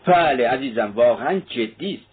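A man reading the part of a shrewd middle-aged male magistrate who questions in a measured, probing way. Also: mid-range voice, animated, breathy edge. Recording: tinny narrow-band audio.

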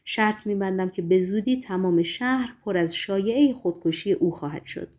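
A woman's voice: medium pitch, darkish tone, close to an everyday voice. A woman reading a brooding Roman governor. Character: stern Roman governor, middle-aged man, brooding. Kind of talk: audiobook reading.

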